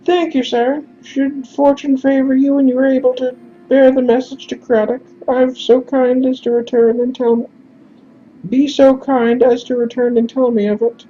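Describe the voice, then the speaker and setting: A man voicing a high-voiced, anxious and overly courteous male messenger in a game, in a dull lo-fi recording with faint hiss. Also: level tone, normal speed, dark tone. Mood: pleading courtesy.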